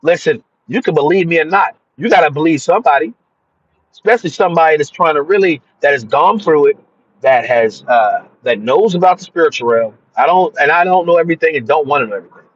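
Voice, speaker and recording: A man's voice: fairly high pitch, expressive, fast, breathy edge, highs cut off. A man giving an earnest, preachy spiritual talk on his own channel, often restarting his sentences. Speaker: channel host. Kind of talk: informal spiritual teaching monologue.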